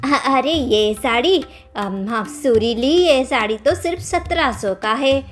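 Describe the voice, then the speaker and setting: A woman voicing a scheming, boastful middle-aged village stepmother in a cartoon story, sharp-tongued and scolding. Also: high-pitched, animated, slow pace, soft background music, heavily acted. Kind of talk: Hindi cartoon story voice acting.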